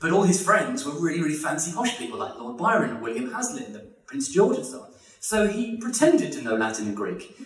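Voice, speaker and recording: A man's voice: on the high side, brisk. Guy telling funny history stories, voice bouncing up and down, kinda roomy and far from the mic. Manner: animated, laughing often, acting out quoted voices. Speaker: podcast guest telling history anecdotes. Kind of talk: comic storytelling. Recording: roomy sound from a distance.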